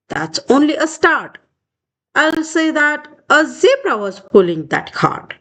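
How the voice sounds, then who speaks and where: A woman with a high-pitched voice reads a children's picture book aloud, telling the story expressively.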